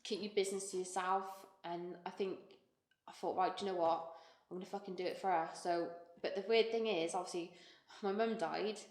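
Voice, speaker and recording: A woman telling a personal story in an interview, blunt and sweary, halting with fillers and getting emotional. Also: lowish voice, steady tone, a little mellow. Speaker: guest. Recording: echoey room.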